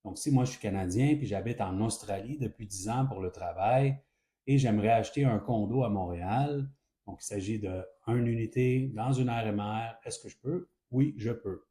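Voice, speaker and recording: A man with a Quebec French accent calmly explaining rules step by step, as an advisor talking to viewers. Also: on the low side, moderate pace. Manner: calm, methodical explaining. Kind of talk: explanatory talk to camera.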